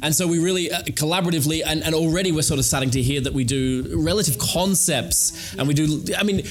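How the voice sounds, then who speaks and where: A man's voice: fairly high pitch, fast, soft background music. A man on a discussion panel, hesitant and repeating words as he thinks aloud.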